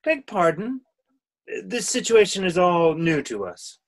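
Man acting a mild, bemused husband, very animated. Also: sits high, measured pace. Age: middle-aged. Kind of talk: stage play read over video call. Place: indoors, plain room. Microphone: video call.

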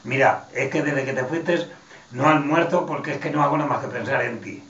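A man's voice: mid-range voice, a little fast, fairly bright tone, lightly acted. A man voicing a lovesick young suitor reading out a love letter in a pleading, rambling way. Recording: roomy, distant, dull sound.

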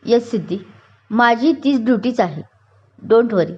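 A woman's voice: a little high, expressive, a little slow, a little mellow, husky. A woman voicing a young male police inspector who is polite, eager and chatty. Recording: dull lo-fi recording.

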